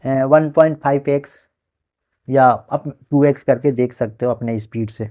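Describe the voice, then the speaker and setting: A man with an Indian accent teaching a physics class online, his voice warm and mellow in tone. He speaks at an unhurried pace, checking in with his students with quick questions that he then answers himself. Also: mid-range voice, steady tone. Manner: says he talks slowly on purpose.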